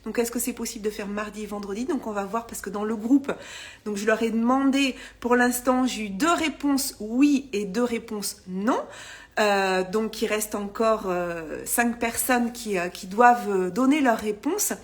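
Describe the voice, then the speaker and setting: A woman's voice: medium pitch, moderate pace. A middle-aged woman hosting a casual live stream as an online business coach, chatting directly to viewers with fillers and small laughs. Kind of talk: casual Instagram live chat.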